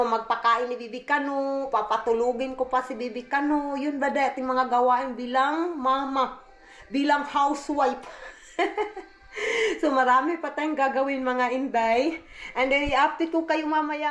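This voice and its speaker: A middle-aged Filipino stay-at-home mom with a Visayan accent vlogs indoors from the family home, chatting casually with viewers she keeps calling "day" and mixing English into her Tagalog. Her voice is high-pitched and fairly bright, with a roomy sound.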